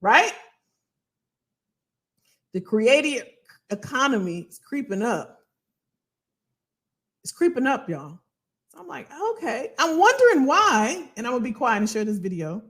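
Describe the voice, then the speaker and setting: A woman hosting a casual livestream as a financial coach, animated and colloquial, repeating phrases for emphasis. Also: a little high. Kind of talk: casual livestream talk to viewers.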